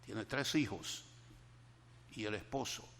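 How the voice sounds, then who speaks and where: A man's voice: on the low side, takes it slowly, creaky, a bit bright, long reverb tail. An older man preaching a sermon meditation, earnestly repeating key phrases for emphasis as he tells a personal story.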